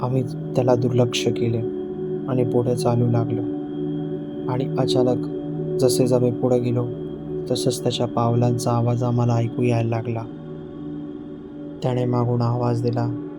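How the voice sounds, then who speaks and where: A man narrating a scripted horror story in a measured, even storytelling voice. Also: medium pitch. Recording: loud music bed. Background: loud eerie background music.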